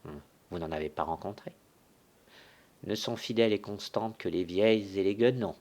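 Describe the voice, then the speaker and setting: A man voicing a gruff, blunt middle-aged landowner in a solo dramatic reading of a stage farce, sarcastic and quick to shout. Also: lowish voice, lightly acted.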